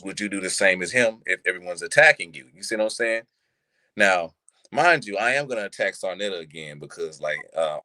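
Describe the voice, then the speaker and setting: A podcast co-host in his thirties chats casually on a live-streamed show, his low voice recorded dry through a live stream mic. He's animated and full of street slang, checking in with listeners by repeatedly asking "you see what I'm saying."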